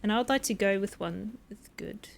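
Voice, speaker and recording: A woman's voice: medium pitch, normal speed, creaky, slight background noise. A woman streaming a game, chatting casually with viewers, rambling and swearing freely. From Australia.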